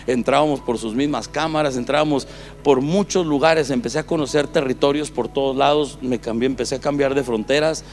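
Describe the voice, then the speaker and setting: A man's voice: mid-range voice, brisk, slight background noise. Mexican man preaching a personal testimony. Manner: storytelling with acted-out dialogue. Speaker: pastor giving a testimony.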